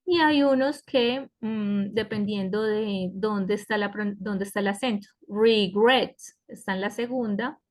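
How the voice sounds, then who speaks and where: Woman teacher on a video call, talks slow, keeps checking if everyone gets it. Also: mid-range voice. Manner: slow, patient explaining with frequent checks like "¿cierto?". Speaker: English teacher. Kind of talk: online class lecture. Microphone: computer mic on a web conference.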